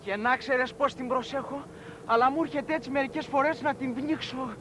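An actor playing a weary, henpecked husband who pleads and grumbles. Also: male voice, very high-pitched, steady tone, fairly bright tone, slight background noise. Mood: exasperated. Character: exasperated, henpecked middle-aged husband.

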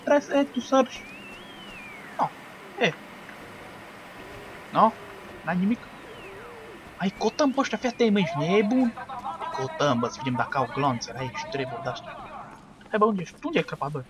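Excitable high-voiced gamer. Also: male voice, long pauses, noisy background. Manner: excitable, shouts and trash-talks at enemies. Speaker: gaming video host. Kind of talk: let's play commentary.

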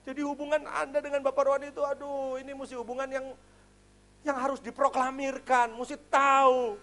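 A male pastor giving a sermon at a church service in a casual, animated way, swinging between loud emphasis and quiet asides. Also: very high-pitched, a little fast.

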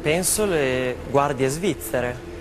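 A man's voice: medium pitch, takes it slowly, poor audio. A man in his thirties answering briefly as a quiz contestant, tentatively thinking aloud before he commits. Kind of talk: short spoken quiz answers. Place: large TV studio. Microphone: lapel mic. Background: music.

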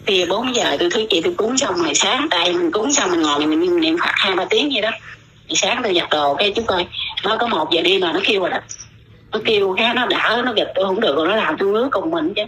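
A woman's voice: medium pitch, animated, fast talker, a bit bright, slight background noise, poor audio. Rambling middle-aged woman. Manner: rambling, repeats words often. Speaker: interviewee, mother telling her story. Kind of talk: casual spoken storytelling.

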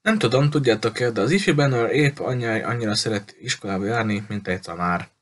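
A man's voice: on the low side, a bit bright. A man voicing a cheerful, talkative little lady who runs a bookshop, gushing and cutting others off.

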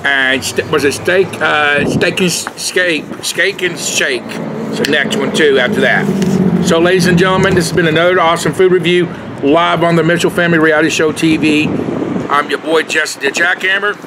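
A man's voice: fairly high pitch, normal speed. A middle-aged man hosting a casual food review vlog outdoors. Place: outdoor fast-food patio. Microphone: camera at arm's length. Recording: noisy outdoor traffic background.

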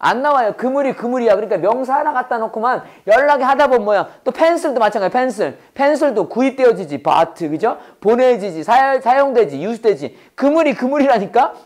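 A man teaching an English lesson in a loose, chatty classroom manner. He fires off quick questions, answers them himself, and repeats key words. The English phrases come out slow and carefully spaced. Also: extremely high pitch, expressive. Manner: reads English phrases slowly and deliberately. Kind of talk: casual classroom lecture.

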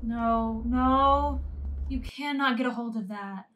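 A woman's voice: a little high, moderate pace, a bit bright, slight background noise. A woman in her twenties giving spontaneous reaction commentary in short exclamations and questions as she watches a film. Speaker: movie reaction host. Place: small furnished room indoors. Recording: film soundtrack playing behind the voice. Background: film music and dialogue.

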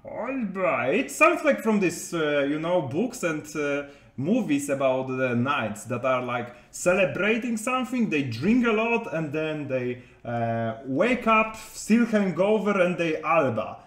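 Chatty man with lively, roomy voice. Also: fairly high pitch, measured pace, hardly any pauses. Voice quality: non-native English phrasing. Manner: chatty, rambling, with many hesitations and restarts. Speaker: game content creator. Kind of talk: casual commentary to viewers.

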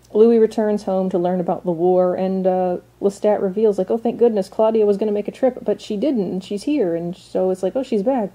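A woman's voice: medium pitch, dark tone. A woman giving a casual, opinionated episode recap and commentary, chatty with frequent restarts. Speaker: recap vlogger.

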